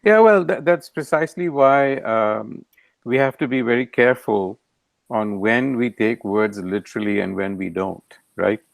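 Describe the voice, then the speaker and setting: A man's voice: mid-range voice, moderate pace, vocal fry, dry recording. A man moderating an informal scripture discussion, explaining his points reflectively with restarts.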